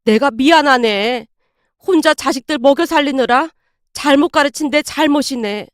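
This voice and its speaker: Woman voices a stern older mother-in-law, high and biting, loud rebukes. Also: animated, brisk, no echo, clean studio sound. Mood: tearful. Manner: sharp, scolding rebukes.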